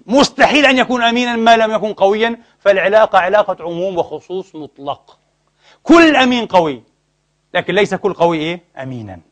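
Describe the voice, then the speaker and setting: Fast, high-voiced impassioned male preacher. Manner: rhetorical questions, prompts the audience to finish his sentences; impassioned, indignant, mixes formal and colloquial speech. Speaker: preacher and lecturer. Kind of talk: sermon.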